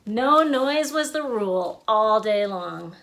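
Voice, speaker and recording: An author and illustrator reads her own children's picture book aloud in a high, bright voice, taking her time. Her pitch swings lively, and she lends the rhymes and sound words expressive emphasis.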